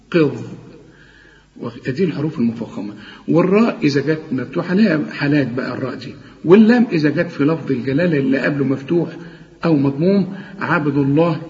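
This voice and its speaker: Man, Egyptian Arabic accent, recitation teacher, explains rules then chants words slowly, fairly high voice, dull lo-fi sound. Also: a little mellow. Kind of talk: tajweed lesson with chanted examples. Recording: dull, lo-fi audio with long reverb.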